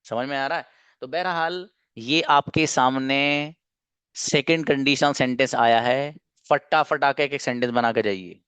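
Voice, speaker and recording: A man's voice: mid-range voice, a little slow, a bit bright, clean tone, dry recording. A man teaching an English grammar lesson to a class, explaining in a playful way and acting out little mock dialogues.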